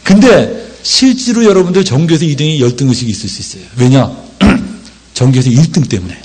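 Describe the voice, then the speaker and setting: A man's voice: a little high, a little fast, husky. A man preaching a sermon lecture, telling stories and acting out the people in them. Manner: lively storytelling, acting out quoted voices. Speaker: pastor.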